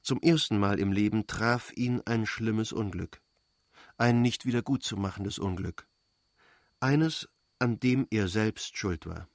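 A man's voice: fairly low pitch, a little slow, dry recording. Dry, close-miked male audiobook narrator. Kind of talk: scripted narration.

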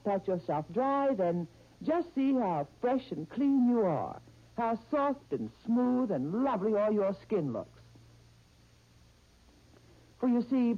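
Woman's coaxing soap ad on old radio. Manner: coaxing, intimate sales pitch. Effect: old radio broadcast sound. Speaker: commercial announcer. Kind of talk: 1930s radio soap commercial. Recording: dull old radio recording.

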